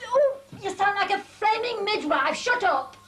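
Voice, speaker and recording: An actress playing a stubborn, fretful, sharp-tongued older wife in a TV drama. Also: female voice, very high-pitched, expressive, measured pace. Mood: exasperated. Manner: scolding, fretful. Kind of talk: naturalistic TV drama acting. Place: indoors in a house. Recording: distant mic, clear background noise.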